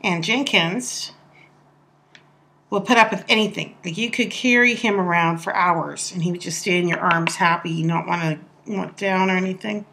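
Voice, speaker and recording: A woman's voice: on the low side, moderate pace, noisy background. A woman telling a funny story in a casual, chatty voice-over, laughing often as she talks. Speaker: soap maker telling a story.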